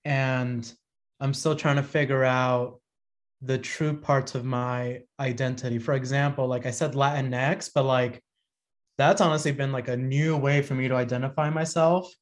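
A man's voice: mid-range voice, fairly even intonation, normal speed. Reflective man rambling with many fillers. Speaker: podcast guest. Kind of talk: casual conversation.

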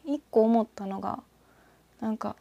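A woman from northern Osaka with a Kansai accent, talking alone in a rambling, reflective way and often trailing off into soft asides. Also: fairly high pitch, moderate pace, vocal fry, dry recording, muffled recording. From northern Osaka, Japan. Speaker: podcaster. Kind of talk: casual solo talk with a short reading.

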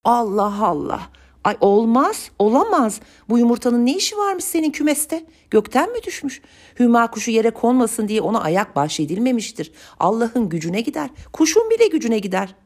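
A woman voicing a sharp-tongued old village wise woman in a storybook reading, scolding and exclaiming in a folksy way. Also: lowish voice, expressive, brisk. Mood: alarmed.

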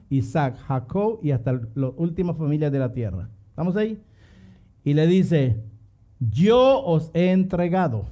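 A man's voice: high voice, dark tone. A man preaching a fervent sermon, calling on his listeners to repeat phrases after him and dropping in English exclamations.

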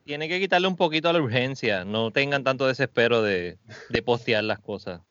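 A man's voice: medium pitch, animated, fairly quick, a bit bright, no echo, highs cut off. A Puerto Rican man co-hosting a podcast, giving opinionated advice in casual chat. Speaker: podcast co-host.

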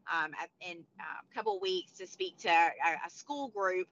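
Hoarse forty-something woman, bright and eager, interview guest, rambly. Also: fairly low pitch, lively intonation, normal speed. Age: 40s. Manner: chatty, many restarts and fillers. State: hoarse, losing her voice. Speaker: guest, motivational speaker. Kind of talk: casual interview chat. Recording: dull lo-fi sound.

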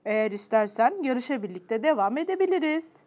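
A woman voicing a cute, brave young male creature hero of a children's story, in a high, excited voice. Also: a little fast. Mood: caring.

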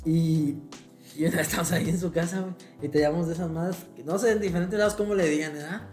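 A man's voice: fairly high pitch, steady tone, quick pace, a little mellow, reverberant, faint music behind. A young man with a Mexican Spanish accent telling crude, slang-heavy stories in casual chat, laughing often.

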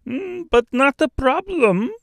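A man's voice: very high voice, animated, gravelly, fairly bright tone, a little hiss or hum, pitched above the performer's own voice, heavily acted. A man voicing a huge, kind-hearted male stork in a thick mock Austrian and French accent, drawn out and exaggerated. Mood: cheerful. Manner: slow, bouncy, exaggerated delivery.

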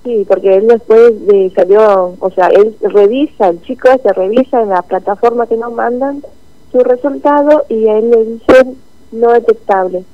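A woman's voice: a little high, normal speed, no room sound. A woman telling her experience in an interview, earnest and emotional. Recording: dull lo-fi line.

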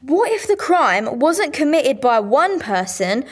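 An actress playing a sulky, sharp-tongued teenage girl solving a crime, sarcastic and offhand. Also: sits high, big pitch swings, slow, full character voice. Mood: reasoning. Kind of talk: radio drama acting.

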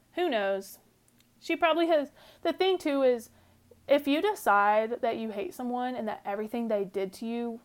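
A young woman hosting a podcast, talking in a casual, rambling way with lots of fillers and restarts. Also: fairly high pitch. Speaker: podcast host. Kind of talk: casual storytelling monologue.

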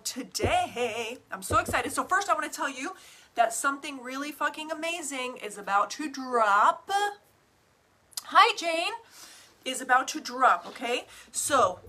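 A woman's voice: high-pitched, pushed and bright. A woman hosting a livestream as a coach, chatting to viewers in an effusive, theatrical, bubbly way. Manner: effusive, theatrical, bubbly greetings with whoops and pet names; casual swearing, checks in with "right?" and "okay?". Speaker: online group host and business coach.

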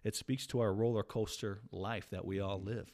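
A man's voice: on the low side, steady tone, moderate pace, darkish tone. A man talking casually and earnestly as a Bible teacher, walking through a psalm in conversation with many restarts. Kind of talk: casual Bible study chat.

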